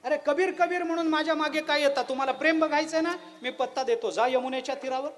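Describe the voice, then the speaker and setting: A man's voice: very high voice, fast talker, fairly bright tone, voice pushed up. A male preacher voicing an old saint poet, exclaiming in an emphatic way. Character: humble saint poet, older man.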